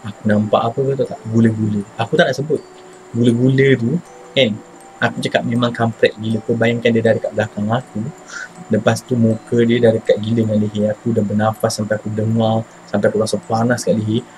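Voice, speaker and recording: A man with a Malaysian Malay accent casually telling his own ghost story, animated and slangy, bursting into his own panicked shouts. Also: on the low side, quick pace, a little hiss or hum, poor audio. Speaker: channel host telling a personal ghost story.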